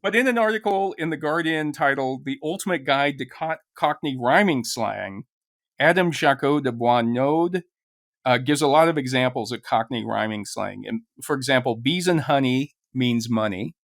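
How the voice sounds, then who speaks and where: A man's voice: medium pitch, lively intonation, moderate pace, no echo, clean studio sound. Chatty male podcast co-host telling stories. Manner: storytelling, laughs often. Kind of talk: casual chat.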